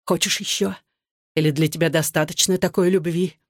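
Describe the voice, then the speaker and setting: A reader voicing a bitter scarred soldier husband. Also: male voice, on the high side, steady tone, fairly quick, dry recording, clean studio sound, close to an everyday voice. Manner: hoarse, clipped through gritted teeth. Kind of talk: audiobook dialogue.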